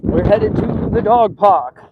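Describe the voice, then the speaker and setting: A man's voice: sits high, slow pace, phone-quality sound. A man hosting a casual live vlog outdoors on a windy trail, chatting to viewers and scolding his dog as he walks. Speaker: livestream host. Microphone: mic with a wind cover, handheld while walking. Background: wind noise.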